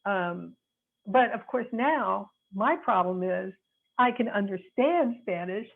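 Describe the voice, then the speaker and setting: Speaking slowly with lively intonation, this woman has a medium-pitched voice marked by vocal fry. She's a Midwestern attorney in her sixties from North Chicago, USA, sharing candid, heartfelt advice as she gropes for words. The audio is tinny and phone-like.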